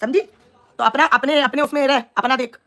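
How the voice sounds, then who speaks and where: A woman's voice: high voice, steady tone, a little fast, a bit bright. A young woman on a live stream, scolding and taunting a rival in an angry, combative rant.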